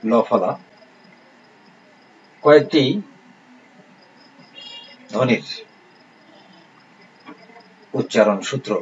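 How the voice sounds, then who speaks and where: A man teaching a recorded online lesson, speaking in a calm, measured way and reading out lists of words slowly. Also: on the low side. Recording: slightly dull lo-fi recording with faint hiss.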